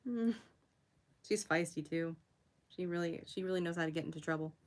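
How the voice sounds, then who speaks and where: A young woman hosts a relaxed drawing livestream, talking to her chat as she works. Her voice sits a little low, but it jumps way up when she greets viewers, and she laughs easily. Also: fairly quick. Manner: chatty and giggly, greets viewers in a high voice. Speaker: art livestream host.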